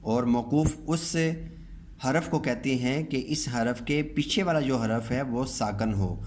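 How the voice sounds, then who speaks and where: Patient man teaching, slow and repetitive. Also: mid-range voice, a little mellow, a little hiss or hum. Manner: patient, slow, repeats each word and checks understanding. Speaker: calligraphy and reading teacher. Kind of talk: step-by-step spoken lesson.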